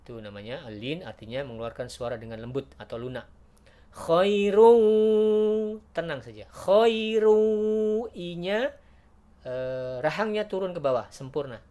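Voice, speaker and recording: A man teaching Quran recitation rules in a patient, explaining way, breaking into loud drawn-out chanted verses. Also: mid-range voice, animated. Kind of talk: tajweed lesson with recited examples.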